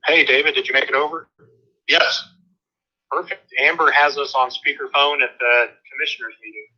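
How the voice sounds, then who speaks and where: A man's voice comes through a speakerphone, the sound muffled and narrow like a phone line. His tone is bright and forceful. He gives a friendly, loosely phrased project update, with plenty of ums along the way. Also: mid-range voice, fairly even intonation, moderate pace. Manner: friendly, talks in loose phrases with many fillers. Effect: heard over a speakerphone. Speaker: project manager giving an update. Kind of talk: informal remote presentation. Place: remote, calling into a meeting.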